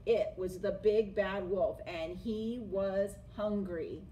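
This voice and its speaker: A middle-aged teacher reads a picture book with plenty of expression to children in a small classroom. Her mid-range voice is dark and slow-paced, and the rough recording carries clear background room noise.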